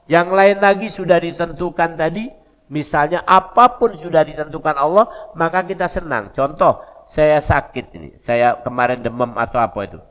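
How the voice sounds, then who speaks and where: An older man with a Palembang Malay accent giving a mosque lecture, telling stories in a relaxed conversational way with dialect asides. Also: fairly high pitch, moderate pace. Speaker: preacher. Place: mosque hall. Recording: long reverb of a mosque hall.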